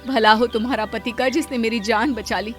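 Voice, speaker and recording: A woman's voice: a little high, steady tone, a little fast, a bit bright, soft background music, natural voice. A woman voicing a stern, commanding wealthy mistress of the house in a cartoon story. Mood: remorseful. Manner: scolding, commanding.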